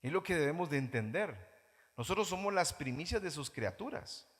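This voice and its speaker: A man with a Guatemalan Spanish accent preaching a sermon as pastor, animated, mimicking churchgoers in mocking voices. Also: on the high side, moderate pace. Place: church hall. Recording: reverberant church hall.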